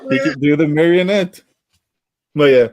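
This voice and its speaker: Over background noise, a podcast co-host with a fairly high voice tells stories at a moderate pace. He laughs through them and retells everything animatedly in a casual chat.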